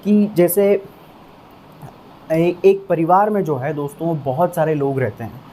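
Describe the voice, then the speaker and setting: Mellow-voiced man teaching vocabulary. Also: fairly high pitch, fairly even intonation, a little hiss or hum. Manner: explains patiently, drills words with slow repetitions. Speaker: English teacher. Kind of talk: Hindi-medium English vocabulary lesson.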